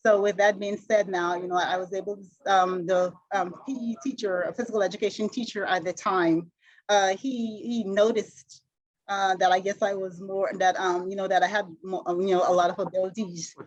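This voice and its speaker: A middle-aged Bahamian woman, a retired sprinter, answers interview questions in a Bahamian accent. Her mid-range voice stays fairly even, but her answers are halting, full of fillers and restarts, and the recording sounds muffled.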